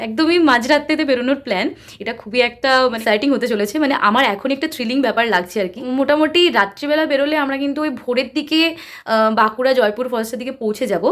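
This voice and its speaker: Chatty high-voiced woman vlogger. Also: no echo. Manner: chatty, addresses viewers as friends. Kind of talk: casual travel vlog narration.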